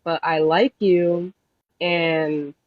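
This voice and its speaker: Low-pitched young woman on dull call audio. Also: fairly even intonation, drawn-out words. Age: 20s. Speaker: caller seeking advice. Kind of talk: casual storytelling.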